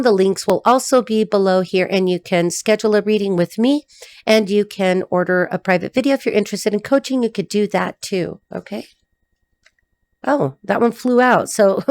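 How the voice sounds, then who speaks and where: A woman's voice: medium pitch, no echo. A middle-aged woman giving a casual, rambling tarot reading to camera, laughing often as she talks. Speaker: tarot reader.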